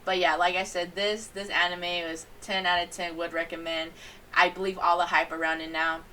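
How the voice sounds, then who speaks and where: A young woman reviews an anime in a loose, rambling vlog style, giggling as she goes. Her voice is bright and sharp. She sits a little away from the microphone, so she sounds slightly distant. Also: fairly low pitch, normal speed, a little hiss or hum. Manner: rambling, animated, giggly storytelling.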